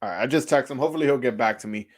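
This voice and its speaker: Racing along at medium pitch, a young man hosts a casual live-stream interview, cracking loose jokes, stammering and repeating words. He switches into Spanish to translate for his guest.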